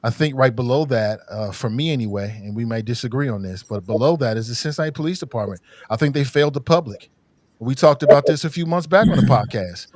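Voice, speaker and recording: A man's voice: mid-range voice, animated, quick pace, darkish tone, no room sound. A man who is a bit under the weather, hosting a livestream podcast with conversational, opinionated news commentary on a close livestream mic. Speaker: podcast host.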